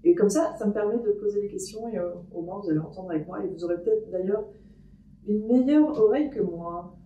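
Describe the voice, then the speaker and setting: A woman recording a paranormal experiment vlog at home, talking her thoughts aloud in a hesitant way with many pauses and restarts. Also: mid-range voice, warm tone, distant mic, muffled recording. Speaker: paranormal investigator. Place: room in her house. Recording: echoey room, voice off-mic.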